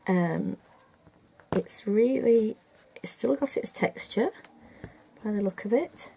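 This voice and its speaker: Speaking slowly in a mellow, medium-pitched voice with vocal fry, an older felting teacher gives a casual video tutorial from her upstairs room at home. She's chatty yet hesitant, restarting often and filling gaps with ums. There's a little hiss or hum.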